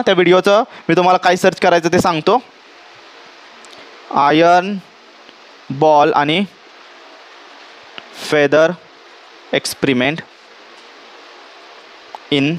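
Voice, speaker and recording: A man's voice: high voice, fairly bright tone. A man teaching a physics class, who keeps asking his students whether they understood.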